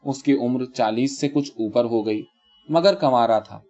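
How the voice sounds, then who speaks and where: A man reading a literary short story aloud as narrator, calm and measured. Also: medium pitch, lo-fi sound.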